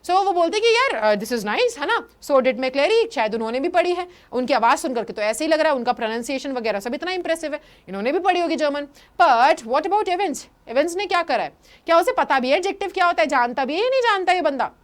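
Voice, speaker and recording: A young woman teacher explaining a story chapter in mixed Hindi and English, reading English lines slowly and then retelling them quickly. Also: sits high, big pitch swings.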